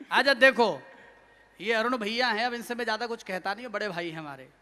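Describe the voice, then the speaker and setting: Poet guy from up, really high bright voice, belting verse on stage and egging the crowd to clap. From Uttar Pradesh, India. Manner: declaiming rousing verse, coaxing the audience to applaud. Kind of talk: live stage poetry recitation. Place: stage at a live poetry gathering.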